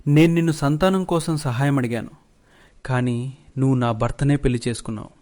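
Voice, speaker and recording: A man's voice: mid-range voice, brisk, darkish tone, natural voice. Storybook villainess: a spiteful, taunting sorceress woman, read by a man. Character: scheming female sorceress, bold and spiteful.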